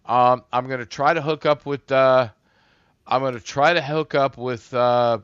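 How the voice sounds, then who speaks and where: A man's voice: medium pitch, fairly even intonation, a little slow, a bit bright, clean tone, dry recording, highs cut off. A man hosting a casual livestream, rambling and a bit tipsy from a couple of beers, talking loosely and swearing to his chat. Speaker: livestream host.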